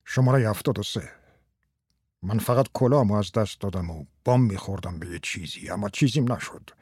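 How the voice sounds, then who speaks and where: A man voicing a weary middle-aged husband who speaks quietly and heavily after a shock, in a storybook reading. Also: husky, no room sound, studio quality. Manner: quiet, low and heavy.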